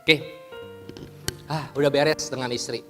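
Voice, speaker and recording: A man preaching a sermon in a church, lively, asking the congregation questions and acting out everyday scenes. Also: mid-range voice, measured pace, soft background music.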